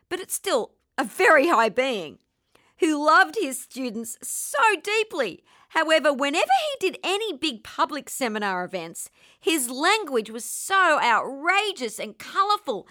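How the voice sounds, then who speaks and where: A woman with an Australian accent giving an earnest, gently enthusiastic spiritual talk. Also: high voice, dry recording, clean studio sound. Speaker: spiritual teacher.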